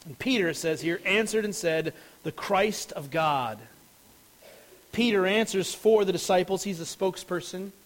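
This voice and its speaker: A man's voice: sits high, a little fast, few pauses, low-quality recording. A man preaching a sermon as a pastor, explaining a passage earnestly and stressing key words.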